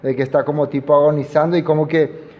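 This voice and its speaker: A man's voice: fairly high pitch, flat delivery, fast, in a large hall, highs cut off. A man preaching, talking in a conversational way and asking his listeners questions. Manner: conversational, asks the audience questions. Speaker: pastor. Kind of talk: expository sermon.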